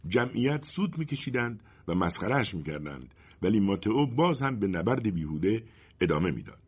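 A man narrates a story in an expressive, dramatic reading. His voice is low and husky, with lively swings in pitch. The recording is muffled and lo-fi.

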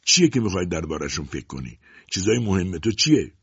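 A man's voice: deep voice, sing-song, slightly rough, no room sound, heavily acted. A man voicing a defiant, outspoken young woman who argues with her mother in a storybook reading. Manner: pleading, defiant. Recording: dull dry lo-fi audiobook recording.

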